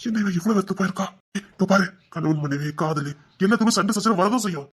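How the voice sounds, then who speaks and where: A man's voice: high-pitched, quick pace, slightly rough. A soothing, caring father. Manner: soothing, coaxing, repeats himself. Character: caring middle-aged father comforting his daughter. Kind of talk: TV serial drama.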